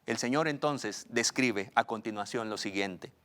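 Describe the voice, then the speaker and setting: A male pastor preaching a sermon, rising on questions and slowing down to read scripture. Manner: preaching, swells loud and high on questions, slows for scripture.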